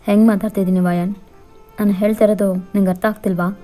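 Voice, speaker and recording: Woman doing a bored bossy young husband, brushes everyone off, mellow low-key voice over faint music, fanfic audio story. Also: level tone, quick pace, close to an everyday voice. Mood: dismissive. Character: cold, dismissive young husband.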